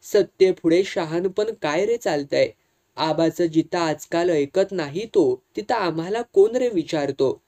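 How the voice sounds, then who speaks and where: A reader doing a calm, blunt older villager. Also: mid-range voice, measured pace, lightly acted. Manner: calm, dry, rural dialect.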